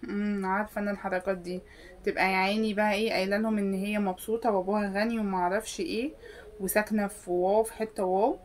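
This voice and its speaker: A woman's voice: mid-range voice, flat delivery, fast. Sarcastic Egyptian woman scolding. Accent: Egyptian Arabic. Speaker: comedy sketch creator. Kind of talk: comedic monologue to camera.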